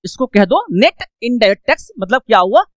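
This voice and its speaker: A woman's voice: a little high, expressive, fairly quick, dry recording. A woman teaching an economics lesson, repeatedly asking questions and answering them herself, mixing English phrases into her talk. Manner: mixes English phrases into Hindi speech. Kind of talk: classroom economics lecture.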